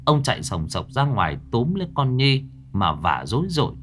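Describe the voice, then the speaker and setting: A man's voice: mid-range voice, sing-song, normal speed, a little hiss or hum. A man narrating a horror story in a dramatic storytelling manner.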